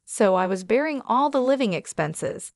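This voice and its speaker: A woman telling a first-person revenge story in steady scripted narration. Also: on the high side, normal speed, dry recording, studio quality.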